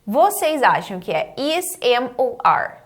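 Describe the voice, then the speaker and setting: A Brazilian woman with a fairly high voice leads an online English lesson in Portuguese. She spells out each example phrase slowly, has students repeat it, and checks in with short "right?" tags. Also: big pitch swings. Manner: models English phrases slowly, then prompts repetition; encouraging, checks understanding with "tá?" and "certo?". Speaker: English teacher.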